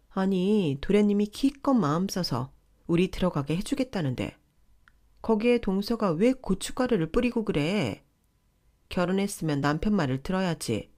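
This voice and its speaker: A woman voicing a pushy, entitled older sister-in-law who scolds in a shrill, condescending way. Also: a little mellow, natural voice.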